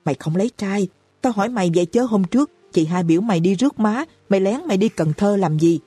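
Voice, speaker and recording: A woman voicing a hot-tempered young husband in an audiobook, hurling rapid, furious accusations. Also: medium pitch, animated, mellow, husky, dry recording.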